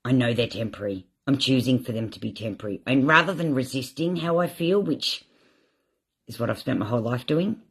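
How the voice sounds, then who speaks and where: A woman with a husky, slightly breathy voice talks openly on a live stream. She rambles and reflects on her feelings, and she sounds tearful and worn out. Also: a bass voice, animated, brisk. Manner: emotional, rambling, self-reflective. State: tearful, drained. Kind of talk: candid live stream monologue.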